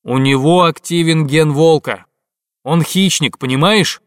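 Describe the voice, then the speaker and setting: A man voices an agitated male lab worker phoning in urgent bad news, sounding alarmed in a lightly acted performance. His voice is a little high, pitched above his natural range, and a little slow, recorded dry at studio quality.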